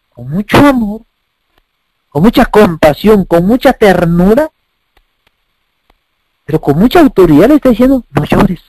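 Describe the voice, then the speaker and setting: A man delivers a sermon in a very high, animated voice that swoops up and down. He preaches emphatically, repeating phrases and asking rhetorical questions. The recording is dry and close. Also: no echo, low-quality recording.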